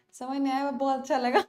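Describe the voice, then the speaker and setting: A woman's voice: high voice, darkish tone, roomy sound. A woman English teacher giving an online class lecture, mixing Hindi and English in a coaxing, chatty way.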